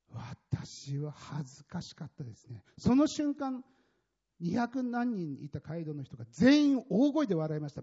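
A man giving a personal testimony in a sermon, telling his story in an animated, emphatic way with a husky voice. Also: high voice. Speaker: church member giving testimony. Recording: dull lo-fi recording.

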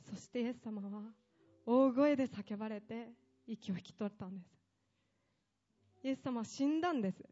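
Lady preacher giving a fired-up sermon, kinda high voice, mellow tone, a bit lo-fi. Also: moderate pace, pauses often. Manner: impassioned, rising to emphatic lists.

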